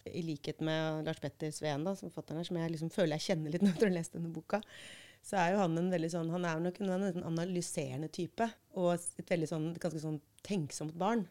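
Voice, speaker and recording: A woman reading a book passage aloud and talking it through in a measured, thoughtful way as a podcast host. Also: low voice, steady tone, mellow.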